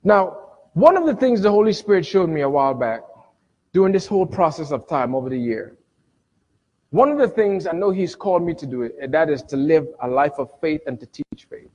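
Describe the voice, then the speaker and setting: A middle-aged male pastor preaches in a high, husky voice that swoops all over the place, rising into sudden loud bursts and dropping into dramatic pauses. His words ring out with a long reverb through a church hall. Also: sing-song, muffled recording. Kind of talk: sermon. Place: church sanctuary.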